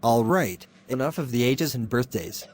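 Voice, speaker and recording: A man's voice: mid-range voice, expressive, moderate pace. A man voicing a stern middle-aged judge in a homemade animation, lecturing at length and sounding exasperated. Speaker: narrator and voice actor of an animation.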